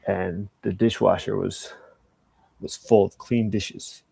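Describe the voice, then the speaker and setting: A man's voice: sits low, little pitch movement, slow pace, creaky, mellow, breathy edge, no echo. An older man co-hosting a casual podcast, rambling through stories and ideas, swearing freely and acting out both sides of a conversation. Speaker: podcast co-host. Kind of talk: casual chat.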